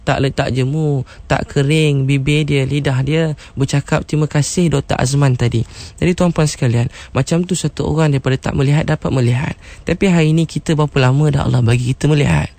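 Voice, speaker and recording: A man's voice: on the high side, steady tone, fairly quick, hardly any pauses, darkish tone, dry recording. A man in his thirties with a Malaysian accent, giving an earnest motivational radio talk and acting out the people in his stories. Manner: earnest storytelling, acts out quotes. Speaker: preacher.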